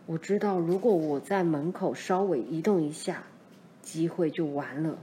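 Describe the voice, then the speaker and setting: A woman voicing a steady middle-aged pioneer father, speaking low and measured as he recounts events. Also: a little hiss or hum, natural voice. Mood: recounting.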